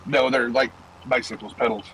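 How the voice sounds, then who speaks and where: A man's voice: mid-range voice, fairly even intonation, normal speed, fairly bright tone, slight background noise, poor audio. A young man streaming and chatting loosely from his car, rambling through stories with plenty of swearing. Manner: loose, profane, rambling storytelling. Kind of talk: casual chat while gaming and driving.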